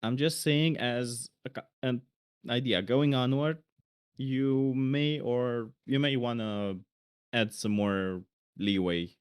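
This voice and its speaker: A man's voice: mid-range voice, slow, clean tone. A man co-hosting a casual livestream, giving blunt, opinionated critiques of game jam entries. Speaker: stream co-host reviewing game jam entries.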